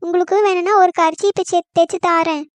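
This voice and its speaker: A woman's voice: extremely high pitch, level tone, a little fast, dry recording. A woman voicing a scheming young wife in a cartoon comedy, plotting in sly asides and putting on tearful complaints. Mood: aggrieved. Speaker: daughter-in-law.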